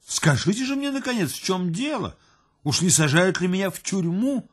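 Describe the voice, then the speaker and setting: Frightened banker, pleading and shrill, read by a man, husky, storybook. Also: big pitch swings, moderate pace, heavily acted. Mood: desperate. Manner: pleading, exclaiming. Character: panicking wealthy male banker, easily terrified.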